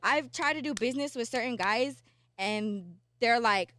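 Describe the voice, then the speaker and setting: A woman's voice: fairly high pitch, normal speed, a bit bright. A young woman co-hosting a podcast in casual chat, blunt and swearing freely. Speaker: podcast co-host.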